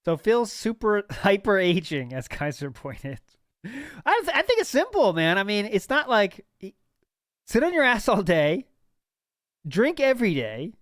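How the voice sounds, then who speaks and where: A man's voice: high-pitched, big pitch swings, a little slow, fairly bright tone, no echo. Laid-back male stream host, dry sound. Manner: laid-back, chuckling, reads out submitted messages. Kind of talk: casual chat.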